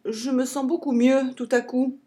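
A woman's voice: sits high, steady tone, a little slow, warm tone, pitched above the performer's own voice. A woman voicing a timid young male friend in a storybook, hesitant and wry. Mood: reluctant.

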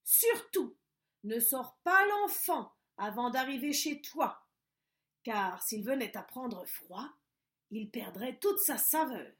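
A woman voicing a grumpy, lonely old witch in a storybook reading, grumbling slowly and drawing out her words. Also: fairly high pitch, animated, fairly bright tone. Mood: tender. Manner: grumbling, slow and drawn-out.

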